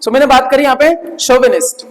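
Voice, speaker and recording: A man's voice: extremely high pitch, a little fast, in a large hall, poor audio. A man teaching English vocabulary in Hindi, drilling pronunciation, asking students to repeat, and adding playful jokes and frequent tag questions. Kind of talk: classroom vocabulary lesson.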